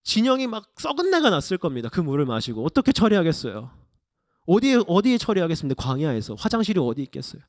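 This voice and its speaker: A man preaching in a church with a high, bright voice. He retells a scripture story vividly and slips into acted-out voices. The sound is close and dry. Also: huge pitch swings, fast, no room sound. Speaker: evangelist preacher. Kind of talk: sermon. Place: church sanctuary.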